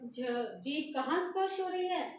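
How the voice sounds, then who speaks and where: A woman teaching a grammar lesson at a board, slowly repeating terms and asking questions that she answers herself. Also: high voice. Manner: slow, repeats terms and asks questions then answers them. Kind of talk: classroom-style lesson at a board. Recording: echoey room, voice from a distance, faint noise.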